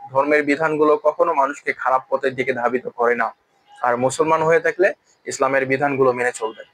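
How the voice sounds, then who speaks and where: Male English tutor with a Bengali accent, slightly high voice, dry close recording, slow drilled example sentences. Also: fairly bright tone, no room sound, poor audio. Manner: drills English sentences slowly, asks viewers to answer. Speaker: English teacher.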